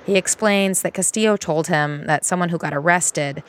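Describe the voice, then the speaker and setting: A woman reporter narrating a scripted investigative documentary in a measured, matter-of-fact way. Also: fairly low pitch, slight background noise. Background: music.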